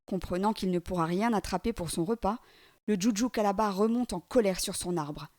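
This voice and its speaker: A woman storyteller reading a children's book aloud in a clear, steady narration. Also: medium pitch, fairly quick, no echo, studio quality.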